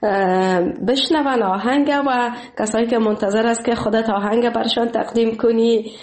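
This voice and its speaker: A woman's voice: fairly high pitch, steady tone, darkish tone. A woman with an Afghan Dari accent hosting a radio call-in show, courteous and full of praise for her callers. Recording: echoey studio sound.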